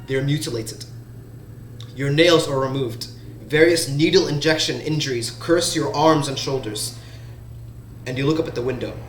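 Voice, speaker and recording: A man narrating as game master in the second person, slow and halting with restarts. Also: medium pitch, slight background noise. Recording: roomy sound, faint background music.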